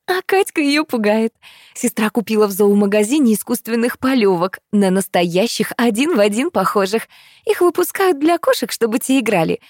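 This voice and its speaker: Casting: a smirking young woman, sneering and amused, put on by a woman narrator; raised pitch, dry close sound. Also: darkish tone, no echo, natural voice.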